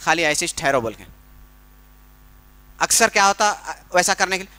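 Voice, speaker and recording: A man teaching Quran recitation in a workshop, explaining pronunciation patiently with everyday comparisons and slow, drawn-out demonstrations. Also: high-pitched, lively intonation, sharp tone.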